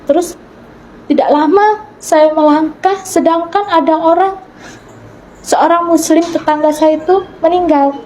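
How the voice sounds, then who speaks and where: A woman giving a personal testimony in an interview, telling her story earnestly and acting out her own dialogue, with halting restarts. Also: extremely high pitch, darkish tone, poor audio.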